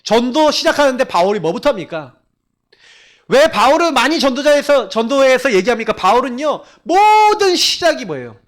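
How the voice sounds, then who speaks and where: A male pastor with a very high, lively voice delivers an animated sermon. He tells stories vividly and throws rhetorical questions at the congregation. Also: moderate pace. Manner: animated storytelling, acted quotes and rhetorical questions.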